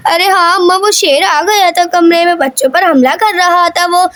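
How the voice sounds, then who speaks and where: Figure: a woman doing a brisk young mother. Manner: quick, urgent. Pitch: high. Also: fairly even intonation, fairly bright tone. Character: brave busy young mother. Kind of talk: doll story character voice.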